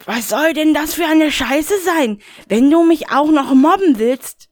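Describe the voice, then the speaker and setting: A man speaking at a measured pace voices a paranoid, foul-mouthed character in his thirties who is furious, shrill, and full of swearing as he rants. It's studio quality but set in an echoey room with long reverb.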